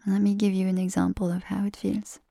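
Woman doing a doting massage attendant, breathy asmr whisper, little french pet names, kinda husky and creaky. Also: mid-range voice, level tone, a little fast, dry recording, clean studio sound. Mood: soothing. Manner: soft whispering, sprinkled with French endearments. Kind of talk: ASMR roleplay.

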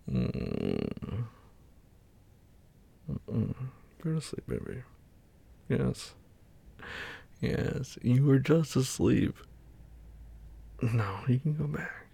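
A man softly murmuring and whispering in an intimate roleplay, soothing a partner back to sleep. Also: medium pitch, huge pitch swings, drawn-out words, pauses often. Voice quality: husky and breathy. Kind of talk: whispered boyfriend roleplay ASMR.

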